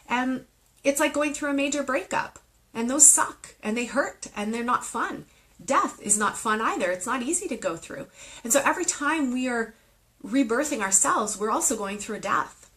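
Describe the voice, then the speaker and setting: A woman's voice: a little high, animated, moderate pace, fairly bright tone, rough recording. A woman in her thirties giving an earnest, emotional spiritual talk on a live video stream, then leading a guided meditation. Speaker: meditation teacher. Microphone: phone or webcam on a live video stream.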